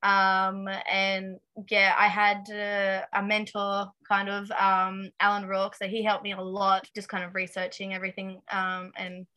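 Bright-voiced young Tasmanian woman, chatting hesitantly. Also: medium pitch, completely flat delivery, measured pace, few pauses. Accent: Tasmanian Australian. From Launceston, Tasmania, Australia. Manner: hesitant, informal, frequent ums and likes. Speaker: interview guest, aspiring racing driver. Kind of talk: casual interview chat.

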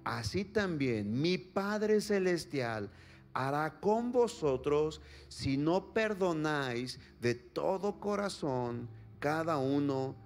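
A man's voice: on the high side, animated, slow, faint music behind. A male pastor preaching a sermon, reading scripture aloud and putting questions to his congregation. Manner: reads scripture then asks the congregation questions.

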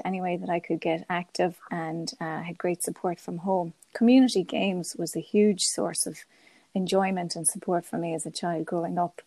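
With a lowish, darkish voice and no room sound, this west of Ireland woman from Galway, a primary school teacher, is a podcast guest. She answers the interview questions conversationally and with enthusiasm.

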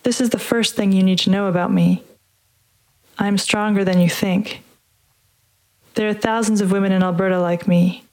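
A woman reading a narrative piece aloud and introducing the program in a measured, deliberate way. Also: medium pitch, fairly even intonation, darkish tone. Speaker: podcast host and reader. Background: music underneath.

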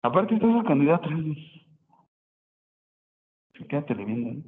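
A man's voice: fairly high pitch, sing-song, normal speed. A man walks his class through a nursing procedure. He explains step by step, asks rhetorical questions and corrects himself along the way. The sound is thin and phone-like, with a long hall echo and faint background noise. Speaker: nursing student presenting. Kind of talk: classroom presentation. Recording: tinny phone-line sound in echoey hall.

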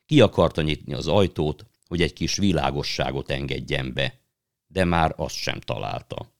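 A man narrates a fantasy story in the manner of an audiobook reading. His voice sits extremely low. He keeps an even, measured storytelling pace. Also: no room sound, clean studio sound.

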